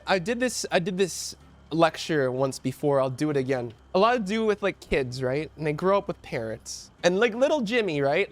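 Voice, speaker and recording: High-voiced animated male streamer. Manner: animated, rambling, swears, acts out voices. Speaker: streamer reacting to a video. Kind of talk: casual reaction commentary.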